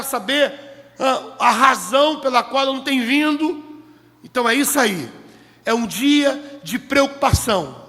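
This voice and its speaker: A man's voice: extremely high pitch, bright, forceful tone. A man preaching a sermon in a church meeting hall, emphatic and repeating key phrases to the congregation. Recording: long echoey hall reverb.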